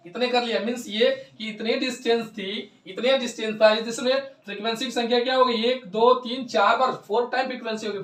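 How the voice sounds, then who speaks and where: A male teacher with a very high voice, lecturing a class, who keeps asking questions and answering them himself. He reads definitions out slowly and repeats his key words. He sounds set back from the mic in an echoey room. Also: fairly bright tone, far from the mic. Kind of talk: Hindi physics class lecture.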